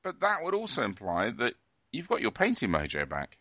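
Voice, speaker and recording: A man's voice: medium pitch, huge pitch swings, brisk, bright, forceful tone, no echo. A man co-hosting a podcast, teasing his co-host with dry humor in casual chat.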